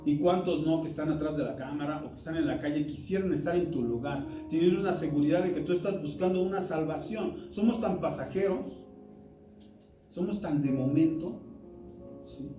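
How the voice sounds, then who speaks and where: A man leads a church Bible lesson in a conversational, emphatic way, tossing questions to the listeners. His voice sits a little high and is picked up from a distance. It echoes around the room, with music playing clearly behind him. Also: moderate pace. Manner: conversational and emphatic, quizzing the congregation. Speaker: Bible class teacher. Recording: roomy hall, distant mic, music behind.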